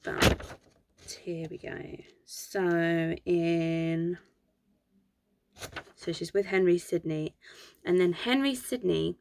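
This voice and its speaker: A woman's voice: fairly low pitch, steady tone, slow pace, long pauses, slight background noise. A woman with a sore throat, casually telling history from her notes, chatty and prone to asides. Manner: chatty, digressive, reading from notes. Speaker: history channel host.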